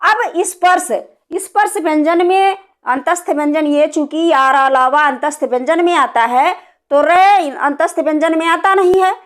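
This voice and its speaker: A woman with a high voice teaches an exam-prep Hindi grammar lesson. She goes through each answer option step by step. She keeps circling back to the key terms and checking in with the class. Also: measured pace. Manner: explains step by step, repeats key terms with frequent "ठीक है".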